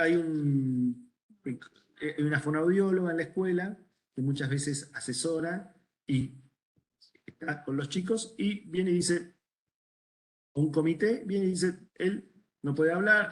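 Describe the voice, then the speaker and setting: A middle-aged man with a Rioplatense Spanish accent, an ENT doctor lecturing medical students, asking the class questions and telling stories from his practice. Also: fairly high pitch. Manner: conversational, asks the class questions, tells anecdotes.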